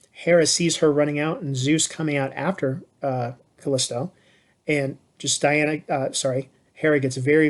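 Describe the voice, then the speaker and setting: Teacher guy telling a myth super casually, lots of uh and restarts, kinda high voice. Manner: loose and conversational, many fillers and restarts. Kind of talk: casual storytelling lesson.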